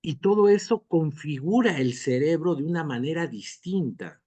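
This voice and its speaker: A man, a doctor and guest expert, giving calm, lecturing answers in an interview and acting out short dialogues as examples. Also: fairly high pitch, moderate pace.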